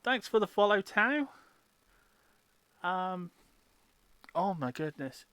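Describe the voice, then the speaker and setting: A woman's voice: fairly low pitch, lively intonation, slow, a bit bright, no echo. A woman running a tabletop game as game master, casually narrating and explaining rules.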